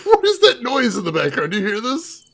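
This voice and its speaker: Casting: male game streamer, very lively intonation, creaky husky voice, playful casual commentary. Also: very high voice, a little fast. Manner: playful, chatty, theatrical asides.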